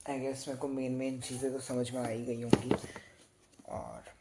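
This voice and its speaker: A young man in his late teens with an Indian accent, chatting casually in a night-time study vlog. He speaks softly and slowly, sleepy and tired, and rambles a little. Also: medium pitch, level tone, heavy background noise. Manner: speaks softly and slowly so as not to wake others; drifts between two languages, rambling and tired. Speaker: student vlogger.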